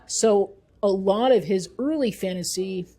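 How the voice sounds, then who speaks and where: With a medium-pitched, warm voice and an unhurried pace, this middle-aged author and researcher fields interview questions. She talks conversationally, explaining her points emphatically and with strong opinions.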